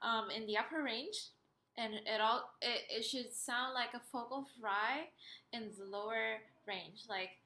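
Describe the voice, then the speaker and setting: A woman giving an instructional singing lesson, explaining step by step in a hesitant, pausing way. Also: fairly high pitch, pushed and bright. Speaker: singing teacher. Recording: roomy, echoey sound.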